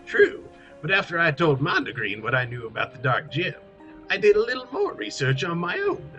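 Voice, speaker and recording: A man's voice: fairly high pitch, wildly swooping pitch, normal speed, sharp tone, dull audio, faint music behind, voice pushed up, heavily acted. A man voicing an old airship engineer in a folksy old prospector manner, proud and boastful. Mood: curious, eager.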